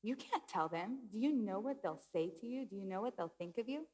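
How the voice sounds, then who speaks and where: A woman giving voice to hushed taunting anxiety. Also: expressive, a little fast, long reverb tail, close to an everyday voice. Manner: low, hushed, taunting questions. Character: whispering inner voice of anxiety.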